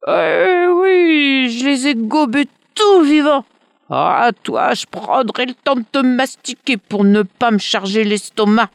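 A storyteller voicing a huge fire-breathing male dragon, proud and menacing, with a booming, mocking delivery. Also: lively intonation, slow pace, vocal fry, no room sound. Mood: gloating.

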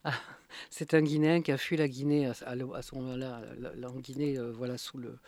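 A man's voice: medium pitch, level tone, a little fast, darkish tone. A man interviewing in casual French conversation, hesitant, with many fillers and restarts.

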